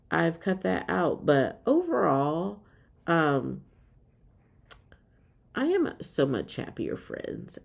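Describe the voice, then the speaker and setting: A woman in her fifties talks casually to her viewers in a vlog, upbeat and full of ums. Her voice sits very low, with a gravelly, fried edge. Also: darkish tone. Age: 50s. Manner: chatty, frequent ums, upbeat. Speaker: reseller vlogger. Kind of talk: casual chat to camera.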